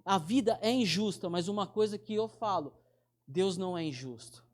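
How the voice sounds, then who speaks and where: Informal man preaching. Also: high-pitched. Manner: informal, direct, addresses listeners as brother; halting restarts. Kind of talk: conversational sermon.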